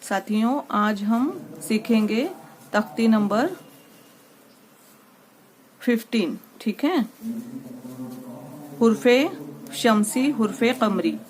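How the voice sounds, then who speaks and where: A woman's voice: a little high, takes it slowly, long pauses, darkish tone, a little hiss or hum. A woman teaching a Quran reading lesson, patient and repetitive, going over each step again.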